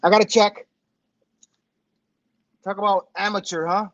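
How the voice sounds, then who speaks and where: Speaking through the microphone of Bluetooth headphones, which makes him sound dull and tinny, a fifty-something commentary show host rambles through a casual livestream, cursing and poking fun at himself. His voice is high-pitched and steady in tone, at a measured pace, and the recording is dry.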